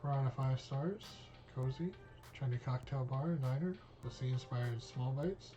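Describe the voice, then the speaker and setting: Man, streamer, reading a visual novel aloud, casual, swears freely, mid pitch. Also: normal speed, warm tone, faint music behind. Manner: casual, reads all parts, drops in swear words.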